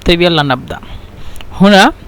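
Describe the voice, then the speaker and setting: Man, high voice, language teacher, patient and repetitive delivery. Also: fairly bright tone, smooth. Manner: repeats phrases slowly, then translates into Standard Arabic and English. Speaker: Arabic teacher. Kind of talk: language lesson.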